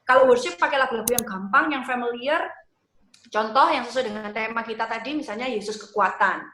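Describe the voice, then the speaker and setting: A woman teaching worship leading in a casual, lively way, acting out prayer lines as examples. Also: a little high, a little fast, roomy sound. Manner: lively, demonstrates prayer phrases and sings snippets.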